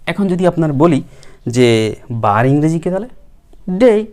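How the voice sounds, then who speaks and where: A male teacher giving a spoken English lesson, who patiently repeats words slowly for learners. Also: a little high, big pitch swings, darkish tone.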